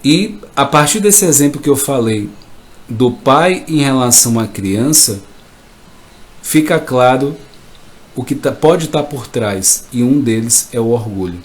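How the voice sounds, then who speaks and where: A man giving a live motivational talk as a coach, emphatic and repetitive, sometimes acting out shouts. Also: mid-range voice, lively intonation, measured pace. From Brazil.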